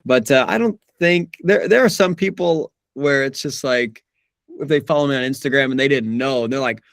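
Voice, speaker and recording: Medium in pitch and normal in speed, this young male voice actor guest keeps things relaxed, laughing often and restarting sentences full of fillers. It's recorded at studio quality, echo-free.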